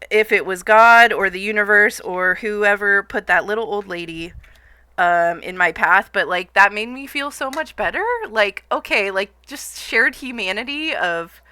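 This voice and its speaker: A woman's voice: medium pitch, measured pace, pushed and bright, clear, resonant tone, dry recording. A young woman streaming live, casually telling a long story to her chat, rambling with lots of fillers and frequent laughs.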